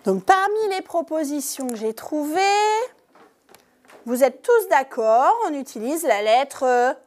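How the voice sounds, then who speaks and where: High-voiced woman teacher in a classroom, slow and careful, spells out every syllable for little kids. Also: expressive, darkish tone. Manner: slow, clear, stressing syllables. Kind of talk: classroom instruction to young pupils. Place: primary school classroom.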